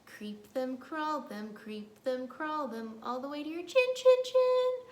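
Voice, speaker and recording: Speaking slowly in a high, darkish voice full of lively intonation, this librarian leads storytime for young kids. She addresses them directly, playfully sing-songing rhymes and action songs. Faint background noise carries through an echoey room.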